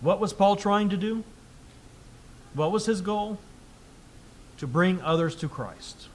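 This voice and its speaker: A man preaching a sermon, reading scripture aloud with rising emphasis and then explaining it in a quieter, conversational tone. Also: high voice, animated, slow, a little hiss or hum.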